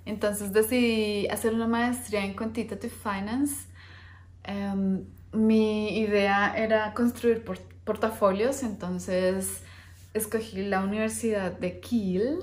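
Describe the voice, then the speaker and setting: Speaking slowly in a darkish, medium-pitched voice with fairly even intonation, this podcast host talks casually about herself. She's a Colombian woman in her thirties who often hesitates and lets out little laughs, and the room sounds spacious.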